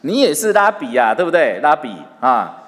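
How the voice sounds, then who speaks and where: A preacher doing a teasing, mock-surprised teacher. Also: male voice, on the high side, very animated, moderate pace, a bit bright. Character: teasing male teacher gently mocking a scholar. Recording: long hall reverb.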